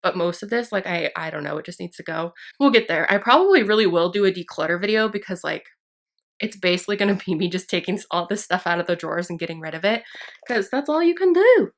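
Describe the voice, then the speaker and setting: With a lowish, animated voice and a quick way of talking, a young beauty vlogger chats while putting on makeup. She's downstairs at her vanity at home, doing a casual get-ready-with-me video, rambling and joking at her own expense as a sinus infection clears up.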